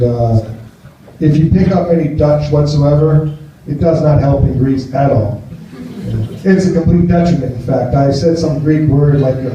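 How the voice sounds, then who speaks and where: A stand-up comedian from the United States, in his fifties, delivers a rambling, self-deprecating routine and talks with the crowd at a small cafe. His mid-range voice is mellow. The recording is distant, roomy, and muffled, with slight background noise.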